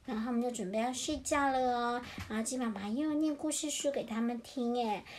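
A woman gently reading a bedtime storybook to children in a singsong way. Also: fairly high pitch, brisk, a little hiss or hum. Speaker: parent storyteller.

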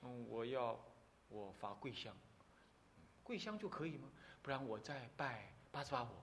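A man voicing a contrite young male student answering his teacher softly. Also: medium pitch, animated, normal speed, a little hiss or hum, voice pushed down. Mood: meek. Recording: long hall reverb.

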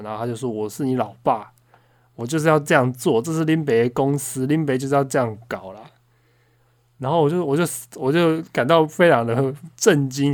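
A young man speaks in a middle-pitched voice. He rants casually as a podcast host, swearing constantly and stumbling into restarts as he tells his story. He sounds indignant and heated throughout. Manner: frequent fillers and restarts, storytelling. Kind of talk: casual ranting monologue.

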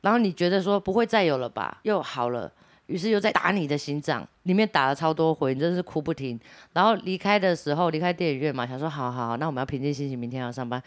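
A woman's voice: low-pitched, quick pace. A woman co-hosting a casual podcast, talking expressively and prodding the others with questions. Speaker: podcast co-host. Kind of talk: casual chat.

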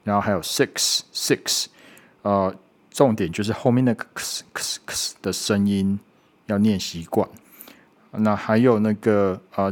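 This English pronunciation teacher is a man whose voice sits somewhat low and has a darkish tone. He works through each sound slowly and patiently, saying it again several times, and often pauses for a brief "OK".

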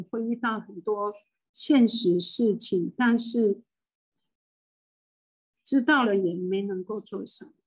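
Older woman, Taiwanese Mandarin accent, medium-pitched voice, rambling, emotional, restarting often. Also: poor audio. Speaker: spiritual medium and hypnotist. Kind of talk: personal reflective monologue.

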